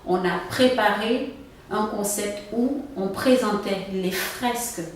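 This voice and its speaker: A woman from Cameroon, an event organizer, answering interview questions in a measured, explanatory way. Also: medium pitch. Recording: echoey room, far from mic, faint noise.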